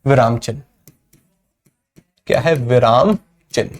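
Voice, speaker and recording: A man's voice: medium pitch, unhurried. A man from northern India teaching a live online grammar class, answering his own questions and greeting viewers by name.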